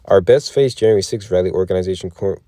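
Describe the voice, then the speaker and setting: A man with a low, mellow voice gives a loose, tired commentary on scripture. He swears freely, drops "okay" and "man" into every phrase, and keeps asking rhetorical questions. The sound is dry and close. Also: quick pace, no echo. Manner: profane, peppered with "okay" and "man". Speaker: religious commentator. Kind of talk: casual scripture and news commentary.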